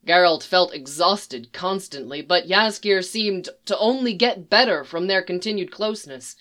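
A narrator reading a fan story aloud in a slow, even storytelling manner. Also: mid-range voice.

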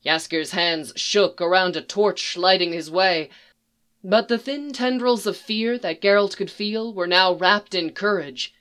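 A narrator reads a fan story aloud, unhurried and measured. The pitch sits at a middling height. The telling stays slow and even throughout. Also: clean tone.

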